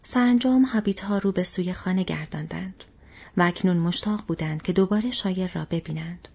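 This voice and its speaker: A woman narrating an audiobook in a soft, measured, breathy reading. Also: fairly low pitch. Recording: dull lo-fi recording.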